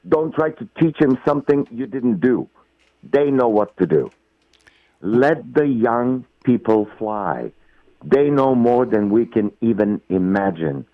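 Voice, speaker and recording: Middle-aged Bulgarian-accented actor, slow and emphatic, gushing praise, dry and muffled phone audio. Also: male voice, fairly low pitch, no echo. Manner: effusive, emphatic, non-native phrasing. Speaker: actor guest. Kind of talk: phone interview.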